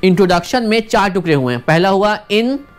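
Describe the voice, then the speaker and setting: A woman teaching English pronunciation in an online lesson, explaining in Hindi and slowly stretching out words to show their syllables. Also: mid-range voice, animated, faint music behind. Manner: patient, repeats examples, counts down for guesses.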